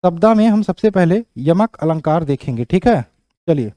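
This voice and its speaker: A high-pitched man teaching a grammar lesson for an entrance exam. He repeats each rule several times and keeps asking the class whether it is clear. The sound is dry and close, with almost no room echo. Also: expressive, normal speed. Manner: repeats key phrases, asks the class "clear?"; rises in pitch and loudness when explaining examples.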